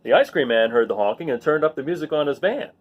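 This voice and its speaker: Husky, very animated male storyteller. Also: on the high side, fast, lo-fi sound. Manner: expressive, acts out the lines. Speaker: read-aloud storyteller. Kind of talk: reading a picture book aloud with casual asides.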